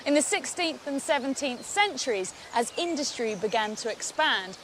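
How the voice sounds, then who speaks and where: A woman's voice: sits high, lively intonation, normal speed, fairly bright tone, a little hiss or hum. A woman presenting a wildlife magazine show as one of its hosts.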